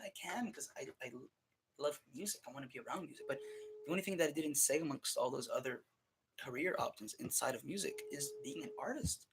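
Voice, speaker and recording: A man's voice: mid-range voice, creaky, a bit bright, slight background noise. A man in a casual, rambling monologue, often swearing, restarting his sentences and switching between English and Spanish. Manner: profane, rambling, restarts and self-interrupts. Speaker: streamer talking to himself.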